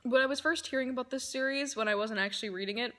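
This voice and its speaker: Bright, effusive woman book vlogger. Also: fairly high pitch, fast. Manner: effusive, rambling, uses "like" often. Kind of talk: casual chat to camera.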